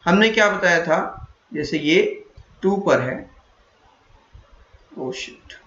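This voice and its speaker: High-voiced maths teacher, echoey room. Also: male voice, lively intonation, slow, fairly bright tone, a little hiss or hum. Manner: repetitive, checks understanding, self-correcting. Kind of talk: classroom lesson. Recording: echoey room, dull lo-fi sound.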